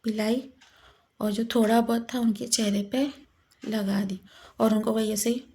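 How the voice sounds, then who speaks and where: A woman telling a personal story with emotion, halting and repeating herself. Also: fairly high pitch, steady tone, warm tone. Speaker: vlogger.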